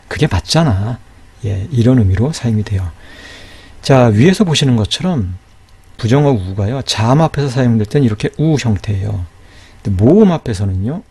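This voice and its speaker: A man's voice: lowish voice, dark tone, breathy edge. A man teaching a grammar lesson in a patient, explanatory way, often checking in with a rising "right?". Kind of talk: recorded lecture.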